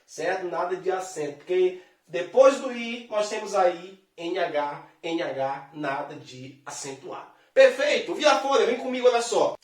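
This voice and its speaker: Lively male teacher in an echoey room. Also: high-pitched, moderate pace. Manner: lively and chatty, addresses the viewer directly, draws out example words. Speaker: Portuguese teacher. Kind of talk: grammar lesson. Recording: echoey room, distant mic.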